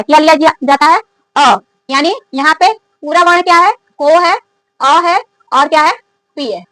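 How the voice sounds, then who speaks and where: Woman, grammar teacher, very high voice, question-and-answer teaching, dry sound. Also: a bit bright, no room sound, rough recording. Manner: asks the class questions and answers them herself. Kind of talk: classroom-style grammar lesson.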